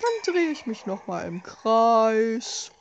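Female let's player, higher-pitched and unhurried, sarcastic rambling, some background noise. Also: big pitch swings, lo-fi sound. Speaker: let's play host. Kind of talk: casual horror game let's play commentary.

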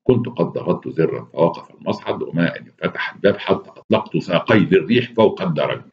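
A man with an Egyptian Arabic accent reading a short story aloud with expressive, wry delivery and casual asides. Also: low-pitched, fast, vocal fry, highs cut off. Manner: expressive, wry, laughs at his own asides.

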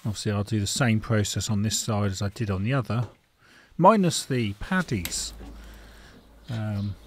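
Working on a car in an indoor garage, a middle-aged man chats frankly, filling his thinking-aloud with ums and such. He's a home mechanic with a lowish, moderately paced voice, and faint noise and clicking tools sit in the background.

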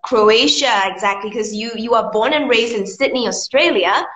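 A woman's voice: on the high side, moderate pace, fairly bright tone. Young woman interviewer in an echoey room. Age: young adult. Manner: friendly, hesitant questions with many fillers. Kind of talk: casual video-call interview. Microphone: video call, built-in mic. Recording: echoey room over video call.

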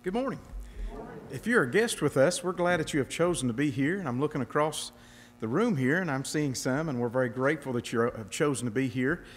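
A man's voice: medium pitch, expressive, brisk, in a large hall. A male pastor casually giving church announcements from the pulpit, with frequent "uh" fillers.

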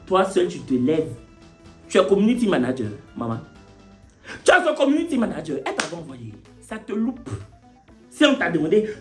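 A man giving animated, teasing commentary, with dramatic shouted interjections. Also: high voice. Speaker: online commentator.

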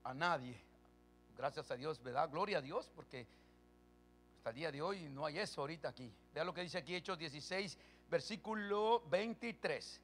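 A man preaching a sermon as pastor, reading Bible verses calmly, then rising to loud, forceful preaching with quick questions to the congregation. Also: a little high, faint music behind.

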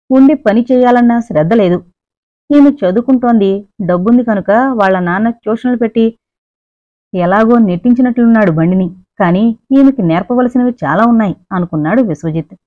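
A woman narrating a novel aloud in a steady, even storytelling manner. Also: medium pitch, no room sound. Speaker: audiobook narrator. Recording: dry, narrow phone-like sound.

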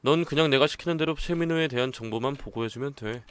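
A man voicing a cold, scornful young man in a horror game who treats people as tools, speaking in a flat, dismissive way. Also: medium pitch, fast talker, clear, resonant tone, close to an everyday voice.

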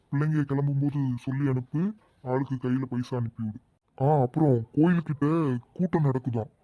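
A man voicing an easygoing, indulgent village father in a cartoon, calm and reassuring. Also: medium pitch, no room sound, lightly acted. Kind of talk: animated cartoon voice acting.

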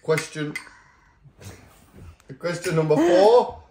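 A man's voice: fairly high pitch, big pitch swings, takes it slowly, warm tone. A man with a Mancunian accent from Manchester, casually hosting a family quiz at home in a playful, laughing way. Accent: Mancunian English. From Manchester, England. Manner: playful, laughing, slips into doting baby talk with the dogs. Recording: echoey room with background noise.

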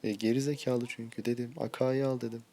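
Gravelly-voiced man ranting over a game. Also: medium pitch, little pitch movement, fairly quick, dark tone. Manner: short-tempered, ranting at teammates. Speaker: mobile game streamer. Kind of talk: live gameplay commentary.

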